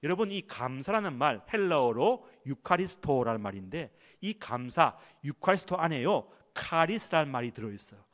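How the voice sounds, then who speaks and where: A man's voice: a little high, sing-song, normal speed, hardly any pauses, fairly bright tone. A male pastor preaching a sermon in a church, emphatic and calling the congregation to read along with him. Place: church sanctuary.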